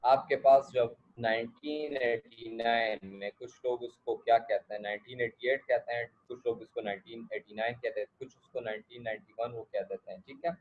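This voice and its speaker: A man's voice: mid-range voice, fairly even intonation, normal speed, hardly any pauses. A male lecturer, teaching a class and often checking that students follow, with English asides. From Pakistan. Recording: dull lo-fi recording.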